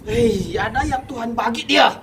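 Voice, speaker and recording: A woman being prayed over in a church, crying out and giving halting answers. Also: a little high, gravelly. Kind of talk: deliverance prayer exchange. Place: church hall. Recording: distant noisy church recording.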